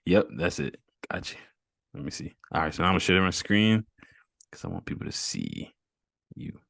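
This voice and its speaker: This deep-voiced host runs a laid-back interview over video call, speaking at a moderate pace with a creaky edge. His tone is upbeat and encouraging, sprinkled with casual slang, and the audio is dry without any room sound.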